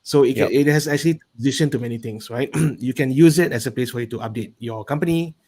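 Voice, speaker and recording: A man's voice: mid-range voice, fast talker, a little mellow. A man with a Malaysian accent giving a casual explanation as a panel guest, often checking in with a "right?". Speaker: panel guest, business coach.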